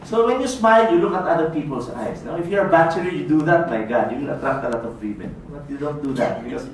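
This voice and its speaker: A Filipino man, a network marketing speaker, gives a playful motivational seminar talk, frequently asking the audience "no?" and laughing. His voice is fairly high, animated and fast. The recording comes from an echoey room, with the voice far away and a faint hiss.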